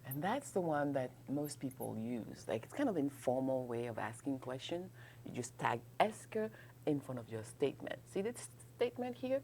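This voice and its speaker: A woman's voice: very deep voice, sing-song, normal speed, darkish tone, a little hiss or hum. A woman teaching a French grammar lesson, explaining in English and modelling French questions with exaggerated rising intonation, often checking in with "ok?". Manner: checks in often with "ok?", laughs lightly. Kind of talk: bilingual classroom grammar lesson.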